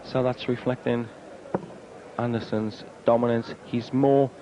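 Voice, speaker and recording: A man's voice: medium pitch, level tone, unhurried. A man giving live darts commentary in a colourful, wry way. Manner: colourful, wry turns of phrase. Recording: dull, noisy archive TV broadcast.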